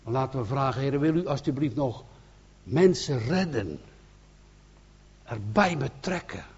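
A man's voice: mid-range voice, lively intonation, unhurried, a little mellow, slightly rough, highs cut off. A man with a Dutch accent preaching a sermon as an evangelist, earnest, with many restarts and emphatic bursts.

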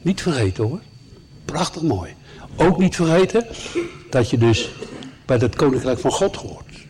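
A man's voice: mid-range voice, big pitch swings, a little slow. Male preacher, sermon delivery, emphatic and earnest, faint noise behind. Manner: earnest, emphatic, with asides to the listeners.

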